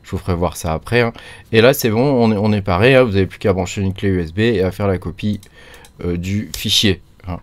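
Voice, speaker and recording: Casual tutorial host, man, fairly low voice, chatty and rambling with lots of fillers, dry close mic. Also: a little fast, no room sound. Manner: chatty, rambling, many "hein" and "euh" fillers. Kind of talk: casual screen-recorded tutorial.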